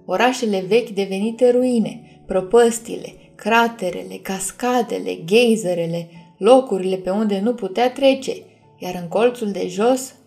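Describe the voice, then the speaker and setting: A woman narrating a fantasy audiobook in a calm, measured reading. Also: mid-range voice, soft background music. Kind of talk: scripted storybook narration.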